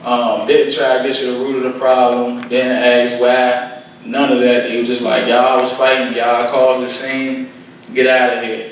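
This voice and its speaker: This guest poet from Washington DC, United States, speaks in a monotone at medium pitch without hurrying. Plain-spoken and colloquial, he recites a poem and offers personal testimony to a conference audience. The sound is distant and very echoey, with faint noise.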